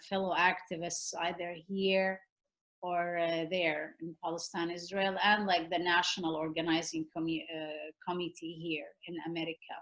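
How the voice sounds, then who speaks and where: A middle-aged woman from the Middle East, a peace activist appearing as a guest, talks reflectively and earnestly on a video call from a room at home, picked up by her laptop mic. Her voice is lowish with a fairly bright tone and a Middle Eastern accent, and she often pauses to search for words, with many fillers and restarts.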